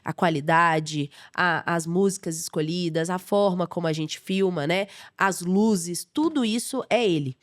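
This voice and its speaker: A young adult Brazilian woman with a Brazilian Portuguese accent, a guest chef telling lively, emotional stories in a casual podcast interview. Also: fairly low pitch, unhurried, few pauses. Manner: lively, emotional storyteller, laughs often.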